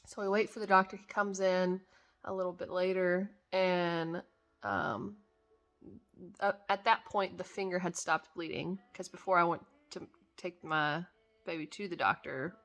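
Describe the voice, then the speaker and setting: A woman's voice: on the low side, steady tone, measured pace, a bit bright. A tired young woman, yawning now and then, chattily telling her story of her baby as a mother's testimony, quoting herself and others. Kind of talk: casual spoken testimony.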